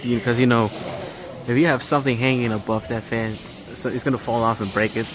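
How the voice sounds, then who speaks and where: Level in tone, medium in pitch and fairly quick, a man gives off-the-cuff, wandering commentary inside a big hardware store. He's an enthusiastic hobbyist and amateur video maker, recorded over background noise and store music.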